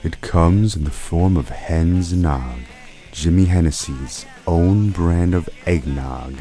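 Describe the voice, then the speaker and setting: A man's voice: sits low, slow pace, over music. A man narrating a documentary in a wry, mock-grand scripted style.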